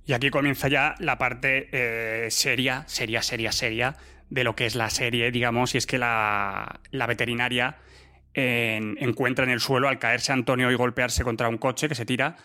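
A man's voice: medium pitch, flat delivery, normal speed, pushed and bright. Male co-host, conversational recapper who drives the story with questions. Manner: leads the recap, asks rhetorical questions. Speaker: podcast co-host. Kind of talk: casual chat reviewing a TV series.

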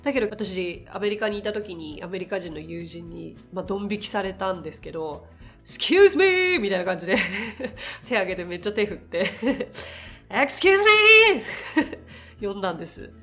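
A woman's voice: on the low side, fairly even intonation, fairly quick, faint music behind. A young woman hosting a casual English lesson podcast, chatty, laughing often and acting out English phrases. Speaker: English teacher.

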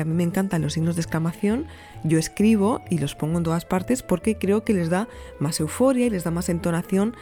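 A woman's voice: fairly low pitch, darkish tone. A young woman with a Spain Spanish accent hosting a podcast, chatty and emphatic, with playful self-mocking asides. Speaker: podcast host. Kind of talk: chatty scripted podcast monologue. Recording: faint music behind the voice.

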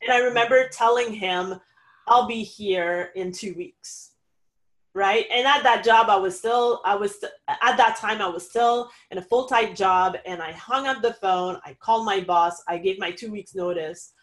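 A woman's voice: mid-range voice, normal speed. Woman chatting as a guest. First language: French. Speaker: interview guest, podcast host. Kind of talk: conversational personal anecdote and advice.

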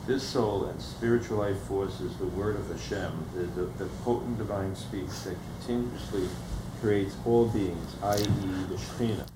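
A man reading a religious text aloud in a measured, slightly halting way. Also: lowish voice. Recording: roomy echo with background hiss.

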